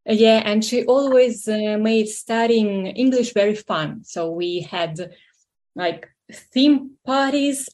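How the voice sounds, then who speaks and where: Woman, 30s, from russia, slightly high voice, slow, nervous, halting. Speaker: interview guest. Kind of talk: casual interview answers.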